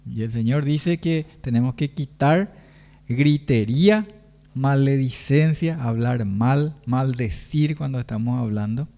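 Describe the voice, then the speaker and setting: Man, Paraguayan Spanish accent, pastor, sermon, unhurried, mellow voice. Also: mid-range voice, vocal fry. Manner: slow, pausing preaching with rhetorical questions.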